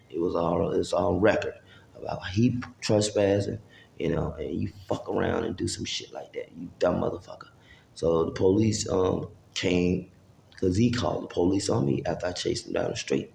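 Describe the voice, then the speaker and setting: A man's voice: low voice, vocal fry, darkish tone, roomy sound, a little hiss or hum. A man, casually telling a long, profane, rambling story to camera and acting out what people said. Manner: rambling, profane street talk with acted-out quotes. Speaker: vlogger.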